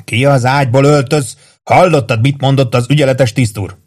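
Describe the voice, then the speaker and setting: A brusque army corporal who snaps out wake-up orders in a hushed, mechanical voice, as a male audiobook reader puts him on. His pitch rises above the reader's own. It is a plain audiobook reading. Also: steady tone, natural voice. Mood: urgent.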